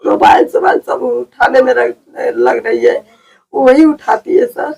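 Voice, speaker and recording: A woman's voice: high-pitched, vocal fry, darkish tone, husky, far from the mic, low-quality recording. A woman, crying as she pleads her account in a field interview. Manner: pleading, rapid tearful telling. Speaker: interviewee, victim's relative.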